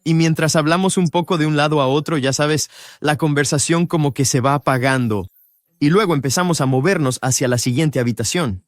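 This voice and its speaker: A man narrating his own faith testimony in an earnest, confessional way, looking back on his time as a missionary. His voice sits a little higher than most men's. It is recorded close and dry, with no room sound. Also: brisk, no echo. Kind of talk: personal testimony storytelling.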